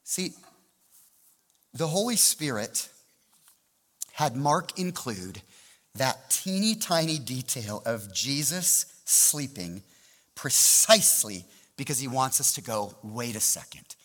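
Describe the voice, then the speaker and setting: A male pastor delivers a sermon, swinging his pitch widely as he tells stories and asks the audience rhetorical questions. His voice is bright and sits a bit high. It rings with the long reverb of a large church hall. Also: slow pace, long pauses. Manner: animated storytelling with rhetorical questions.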